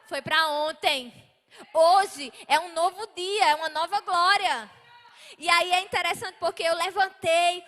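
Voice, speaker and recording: A Brazilian woman preaching a sermon in a church, telling a testimony with passion that rises toward near shouting. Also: very high voice, big-room sound. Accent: Brazilian Portuguese. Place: church hall.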